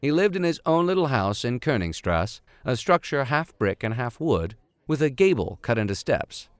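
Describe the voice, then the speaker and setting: As host and reader, a man reads a classic novel aloud and slips irreverent, slangy jokes into the formal narration. His medium-pitched voice is sing-song and moderately paced, with a clean tone and no room sound.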